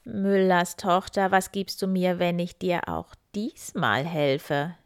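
A woman's voice: on the low side, takes it slowly, clean tone, no room sound. A woman voicing a small scheming male imp, coaxing and bargaining in a raised voice. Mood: sly. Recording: dry close recording.

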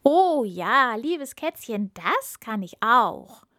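A woman's voice: medium pitch, lively intonation, takes it slowly, fairly bright tone, no echo, studio quality. A woman reading the lines of a proud, boastful male sorcerer from a fairy tale.

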